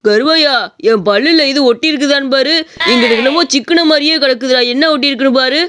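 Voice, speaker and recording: Bright fast-talking woman voicing cartoon villagers. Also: high-pitched, noisy background. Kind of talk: cartoon voice acting, many village characters.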